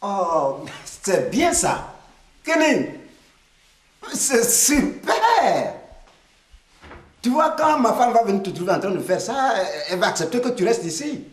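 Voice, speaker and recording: Man playing a proud dad, lively pitch, echoey room, comedy sketch. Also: unhurried, pauses often. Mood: pleased. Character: pleased father of the house, boastful.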